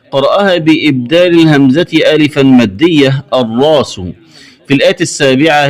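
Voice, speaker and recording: A man teaching Quran recitation variants, stating each rule briskly and then chanting the word slowly and drawn out. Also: a little high. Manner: brisk rule explanations broken by slow, drawn-out chanted words.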